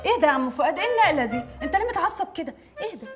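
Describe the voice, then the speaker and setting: A cheeky young cleaning woman with an Egyptian accent. She teases relentlessly, rattling off her jokes at great speed in a high voice. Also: very animated, racing, over music. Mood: teasing. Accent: Egyptian Arabic.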